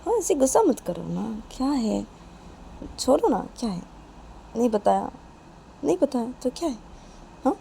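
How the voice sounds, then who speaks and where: A woman's voice: on the high side, very animated, measured pace, vocal fry, pauses often, mellow, a little hiss or hum, voice pushed up, full character voice. A woman voicing a middle-aged father who coaxes and soothes his upset wife. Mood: coaxing.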